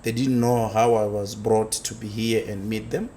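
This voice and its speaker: A man with a fairly low voice tells his story as an interview guest, pausing often and repeating words as he searches for what to say. A faint hiss of background noise sits behind him. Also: flat delivery, dark tone. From South Africa. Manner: halting, with many fillers and repeated words. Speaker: guest, construction business founder.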